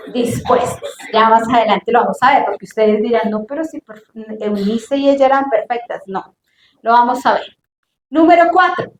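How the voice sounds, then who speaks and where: Middle-aged woman preacher, high voice, emphatic sermon storytelling in a reverberant church. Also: a little hiss or hum.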